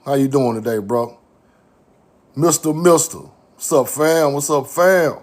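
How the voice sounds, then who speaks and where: A young man from Mississippi, USA, speaks unhurriedly in a mid-range, darkish voice as he hosts an online video. He talks casually and emphatically to his chat audience, preaching a bit and repeating catchphrases.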